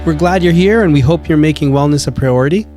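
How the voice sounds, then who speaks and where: A man's voice: fairly high pitch, quick pace, over music. A man, casually hosting and interviewing on a podcast. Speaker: podcast host.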